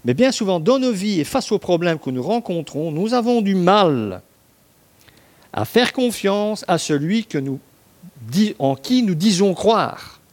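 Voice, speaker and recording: A man with a slightly high voice preaches a sermon. He explains the passage in a relaxed, talky way, breaking off for asides and asking his listeners rhetorical questions. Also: unhurried.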